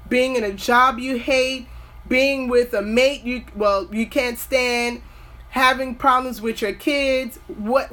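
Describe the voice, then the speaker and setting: With a fairly high, fairly bright voice, a woman in her forties chats to camera while hosting a skincare video. She gives heartfelt, motivating tips but sometimes strays from the subject.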